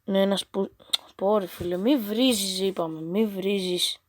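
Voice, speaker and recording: Playful gaming host, dry close sound. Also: female voice, mid-range voice, dry recording. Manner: playful, teasing, exasperated asides. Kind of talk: casual chat while reading out a chatbot's replies.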